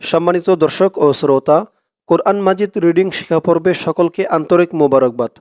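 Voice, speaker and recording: A man from Bangladesh, teaching Quran reading by breaking words into syllables and chanting verses slowly. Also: on the high side, darkish tone, no echo, clean studio sound. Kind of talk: slow step-by-step recitation lesson.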